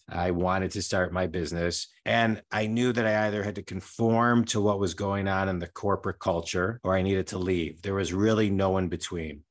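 A man talking casually as a podcast guest, telling anecdotes in a conversational way. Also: deep voice. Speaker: podcast guest, business coach and speaker.

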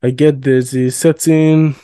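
A young man talks through his thoughts slowly, hedging with fillers as he works out what he means. His voice is mellow and soft-edged. The recording is dry and close, with no room sound. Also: fairly high pitch, level tone, clean tone, dry recording. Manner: reflective, hesitant, thinks aloud with many fillers. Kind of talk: casual chat.

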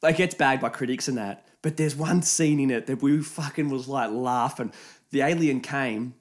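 A young man co-hosting a casual podcast, who swears freely and breaks into loud acted-out quotes and laughter. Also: mid-range voice, normal speed. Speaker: podcast co-host. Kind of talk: casual chat.

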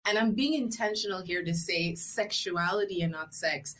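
A woman hosting an interview show in a measured, deliberate style. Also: lowish voice, fairly bright tone.

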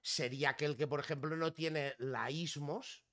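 A man's voice: on the high side, fairly even intonation, measured pace, a bit bright. A male podcast host interviewing a guest, curious and chatty, often restarting his words. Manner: curious, stammering restarts, storytelling. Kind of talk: casual interview chat.

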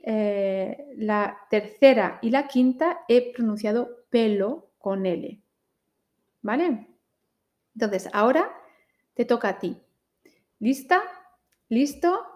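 A woman teaching pronunciation, saying each word slowly and carefully in a listening drill. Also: fairly high pitch, warm tone. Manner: very slow, carefully articulated minimal pairs.

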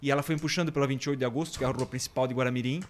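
A man from Brazil, a priest, telling a childhood story in a lively, casual podcast chat and mimicking the people in it. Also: medium pitch, rapid-fire. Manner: lively anecdotes, mimics voices and laughs often.

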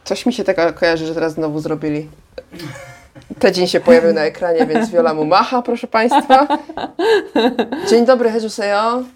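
A woman co-hosting a casual chat, speaking hesitantly and pausing to search for her words. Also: low-pitched, a crowd in the background. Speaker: podcast co-host.

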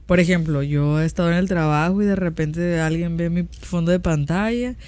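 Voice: medium pitch, moderate pace, a little mellow, smooth, no room sound. A podcast co-host with a northern Mexican accent, trading slangy, playful banter in casual chat.

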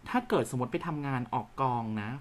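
Young woman, low voice, from the korat region, playful, teasing, podcast co-host. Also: quick pace. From Korat region, Thailand. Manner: playful, teasing, explains calmly. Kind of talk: casual chat.

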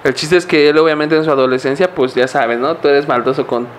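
A young man with a Mexican accent spins a long story for a podcast, his voice sitting a little high. He talks loosely, with lots of slang and filler, over faint background noise. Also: fairly even intonation, fairly quick. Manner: rambling, full of fillers and slang. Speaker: podcast co-host. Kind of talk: casual storytelling chat.

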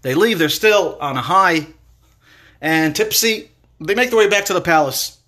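Man, Torah lecture, bright forceful voice, slightly high pitch, storytelling. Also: expressive, moderate pace. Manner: storytelling, repeats words for emphasis. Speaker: Torah teacher.

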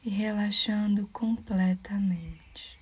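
Speaking in a mid-range voice, a woman from Brazil leads a guided meditation almost in a whisper, breathy and gentle, with calm, soothing measured pauses.

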